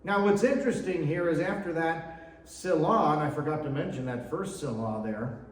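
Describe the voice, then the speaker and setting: A man's voice: fairly high pitch, moderate pace. Man preaching in an echoey church. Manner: conversational, with casual asides between scripture readings. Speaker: pastor. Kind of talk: sermon. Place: church sanctuary. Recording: echoey church hall, mic from far off.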